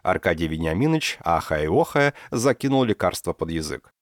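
A man's voice: sits low, big pitch swings, a little fast, dry recording, clean studio sound. A man narrating an audiobook in a scripted reading style.

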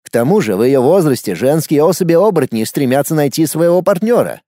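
A man's voice: fairly high pitch, very animated, brisk, warm tone, no echo, studio quality. A man voicing a smug, nosy young man who thinks he knows all about women, talking with sarcastic, insistent teasing. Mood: sly. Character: smug, nosy young man, self-styled ladies' expert.

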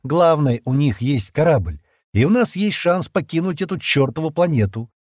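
A man's voice: fairly high pitch, expressive, normal speed, darkish tone, dry recording, studio quality, pitched above the performer's own voice. A man reading an audiobook, voicing a cocky, bossy male spaceship pilot who talks in a curt, sneering way. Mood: calm, confident.

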